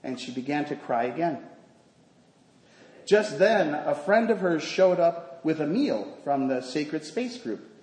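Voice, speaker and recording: A slightly high-pitched male priest preaching a sermon in a church, with his voice ringing out in a long reverb. He tells his story gently, in a measured rhythm. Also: very animated.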